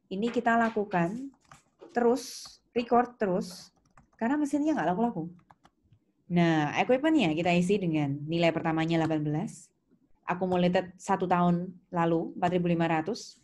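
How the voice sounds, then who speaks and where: A woman with an Indonesian accent and a fairly low, slightly mellow voice teaches accounting at normal speed. Her lesson proceeds step by step with worked examples, delivered in a didactic manner full of questions and reminders. Background noise is clear, along with keyboard clicks.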